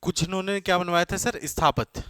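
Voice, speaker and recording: This teacher, a man with a slightly high, fairly bright and clean voice, fires questions at his class and repeats the answers so students can write them down. He keeps pressing them to answer fast. The recording is dry and close, with no echo from the room.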